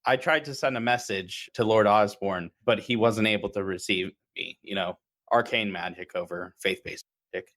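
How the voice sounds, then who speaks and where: Low-voiced man playing a tabletop game. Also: moderate pace, a bit bright. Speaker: player.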